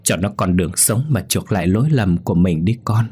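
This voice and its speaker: A man's voice: low voice, fairly quick, mellow, breathy edge. Man voicing a grieving old ghost mother. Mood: sorrowful. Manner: pleading, tender.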